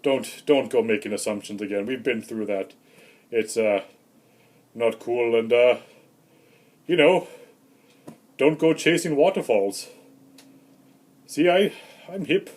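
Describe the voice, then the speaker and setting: A man playing a rambling, grumpy old Santa Claus in a comedic vlog monologue, with deadpan, self-important asides. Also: mid-range voice, takes it slowly, pauses often. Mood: grumbling. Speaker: comedy vlogger.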